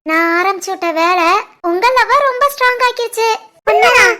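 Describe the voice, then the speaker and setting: Cartoon college girl, southern Tamil Nadu dialect, very high squeaky voice, playful and teasing, as a voice artist does her. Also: expressive, fairly quick, bright, forceful tone, slight background noise, full character voice. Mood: gushing. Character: cheerful teasing young woman, college student in love. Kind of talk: cartoon voice acting.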